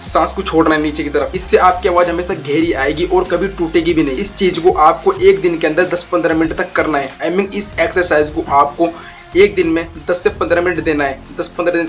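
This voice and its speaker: A man's voice: on the high side, steady tone, brisk, soft background music. A young man casually explaining voice training tips as a YouTube tutor, repeating points and mixing in English phrases. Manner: instructive, repetitive, mixes English phrases. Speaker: voice coach YouTuber.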